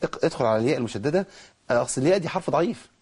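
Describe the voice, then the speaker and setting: A man with an Egyptian accent teaching Quran recitation rules, explaining quickly and slowing down to model drawn-out words. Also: mid-range voice, lively intonation, darkish tone, husky. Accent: Egyptian Arabic. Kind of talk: tajweed lesson, explaining and demonstrating.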